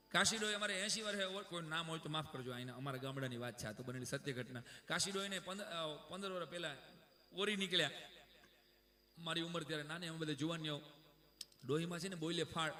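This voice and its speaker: Male comedian, 30s, bright high voice, echoey live stage, chatty storytelling. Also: fairly quick. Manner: chatty, talks to the audience.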